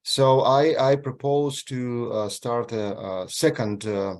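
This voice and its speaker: A man from Ukraine, moderating an online panel over a video call, halting often with filler sounds and restarts. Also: mid-range voice, steady tone, darkish tone.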